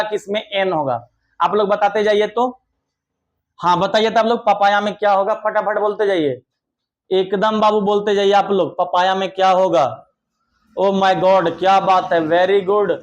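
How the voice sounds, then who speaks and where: Young male tutor, high voice, warm coaxing classroom manner with loud praise. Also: steady tone, moderate pace, muffled recording. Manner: affectionate, coaxing, calls pupils "babu", praises loudly. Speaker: English teacher. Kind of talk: online classroom lesson for children.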